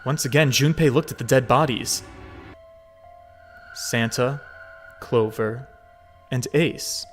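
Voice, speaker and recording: A man reading a visual novel aloud, with expressive casual commentary and frequent swearing. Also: medium pitch, takes it slowly, soft background music. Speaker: game streamer.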